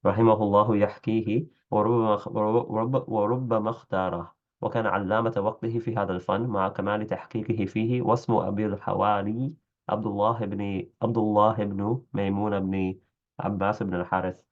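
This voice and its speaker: A man with a fairly low voice reads a classical text to his class. He pauses often to explain in English and fixes his own stumbles. The recording sounds slightly dull and lo-fi. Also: little pitch movement. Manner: reads Arabic and comments in English, correcting his own slips. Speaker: teacher reading a classical Arabic text. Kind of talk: reading aloud and explaining in a class.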